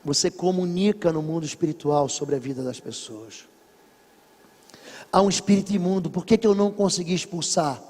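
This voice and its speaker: A high-pitched man with a Brazilian Portuguese accent delivers a sermon in a church. He tells stories emphatically, swinging between hushed passages and loud bursts, and his voice trails off into a long reverb. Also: expressive, normal speed. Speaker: pastor.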